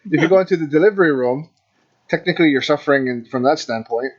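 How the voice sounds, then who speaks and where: A young man on a podcast, wandering through his points with plenty of ums and restarts. His voice sits at an ordinary pitch. The recording is dull and lo-fi. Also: quick pace. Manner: rambling, hesitant, with many fillers. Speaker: podcast co-host. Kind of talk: casual chat. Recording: dull lo-fi mic.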